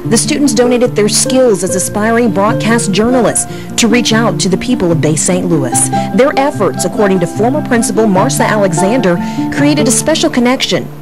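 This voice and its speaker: A woman reporter narrating a feature story in a steady, scripted news voice. Loud music plays under her throughout. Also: mid-range voice, moderate pace.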